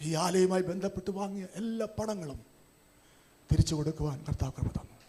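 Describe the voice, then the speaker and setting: A male pastor, preaching a sermon with call-and-response, his voice rising at times to shouts. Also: high-pitched, moderate pace, a little hiss or hum.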